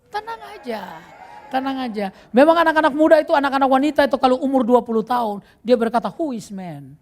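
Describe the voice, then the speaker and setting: A male pastor preaching an animated sermon in a church, breaking into bursts of shouting. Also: very high voice, quick pace.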